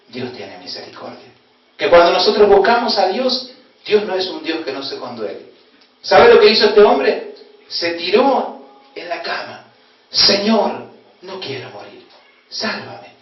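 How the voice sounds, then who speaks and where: A man pastor with an Argentine accent from Corrientes, preaching a sermon and telling a story with emotional swings between loud exclamation and hushed tones. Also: high voice. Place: church hall. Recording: very echoey hall, distant dull mic.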